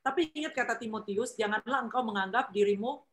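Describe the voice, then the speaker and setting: Lively woman giving faith talk. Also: fairly high pitch, fairly quick. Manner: lively, acts out quoted voices, frequent tag questions.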